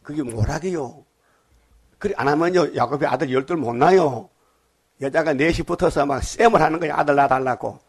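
A male pastor preaching a dawn sermon in a conversational style, constantly prodding the congregation with quick rhetorical questions. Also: fairly high pitch, husky.

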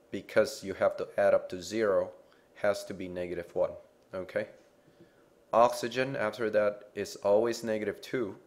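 A man's voice: deep voice, darkish tone. A man teaching a chemistry lesson, explaining slides patiently and often checking in with "okay?".

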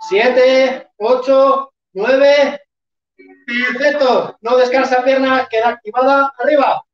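High-voiced workout coach counting reps, slow and far off the mic in an echoey room. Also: fairly even intonation, highs cut off, faint music behind. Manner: counts reps and urges the class on, sometimes shouting. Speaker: fitness instructor. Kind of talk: live online workout class.

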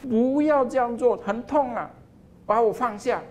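A man voicing a suffering clay cup that begs and cries out in high, wailing pleas during a homily story. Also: moderate pace, a little mellow. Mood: pleading.

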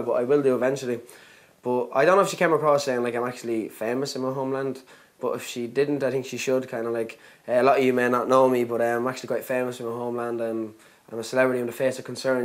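An easygoing man tells quick jokes with an ordinary mid pitch. He comes across as a relaxed, joking comedian. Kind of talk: stand-up jokes and interview.

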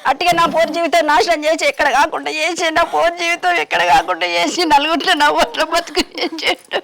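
A woman's voice: on the high side, fast, a bit bright, lightly acted. An actress with a Telangana Telugu accent playing a grieving rural mother who keeps pleading with her daughter in a lamenting way. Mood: bitter. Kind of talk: village short film acting.

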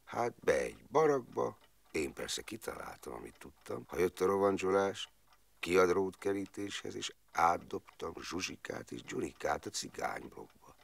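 A man's voice: low-pitched, sing-song, creaky, slightly rough, dry recording, heavily acted. An actor playing a plain-spoken former footballer who rambles through his wartime memories, stringing clauses together with fillers. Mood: rueful recollection. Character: rueful, plain-spoken man recalling wartime years. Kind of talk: film monologue.

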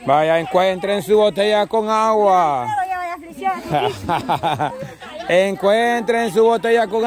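A Salvadoran-accented man hosts a party game outdoors. His voice sits high and his pace is slow and drawn out, as he calls the same cues again and again. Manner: calls out repeated cues slowly. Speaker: game host.

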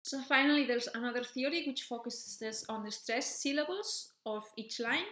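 A woman explaining a topic in a clear, methodical way as a music educator, often checking in with "okay" and "so". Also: fairly high pitch, normal speed, sharp tone, reverberant. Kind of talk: explanatory video lesson.

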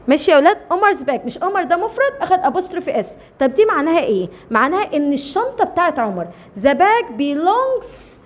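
Lively high-pitched Egyptian woman teaching. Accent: Egyptian Arabic. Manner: asks questions and answers them herself, repeats key words; calls children by name and coaxes them along. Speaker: English teacher. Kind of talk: grammar lesson for children.

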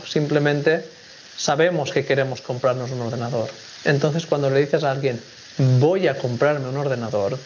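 A man from teaches English grammar in a recorded video lesson. He explains each point in a clear, measured way and says the English examples slowly. The audio is dull and lo-fi, with a faint hiss behind him. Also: medium pitch.

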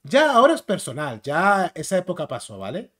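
A man's voice: high voice, wildly swooping pitch, a little fast, fairly bright tone. A man with a Spain Spanish accent ranting as a YouTube commentator, combative, mocking and insulting.

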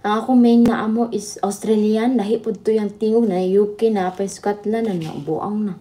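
A woman's voice: medium pitch, fairly even intonation, moderate pace, mellow. Chatty woman livestreaming. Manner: chatty, laughing, switching between Tagalog and Visayan. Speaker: livestream host. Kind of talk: casual live chat with viewers.

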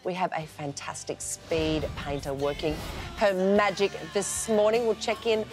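A woman hosting a TV morning show in the studio, with bright, polished presenting. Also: fairly low pitch, steady tone, measured pace, over loud music. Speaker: TV show host. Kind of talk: TV studio chat.

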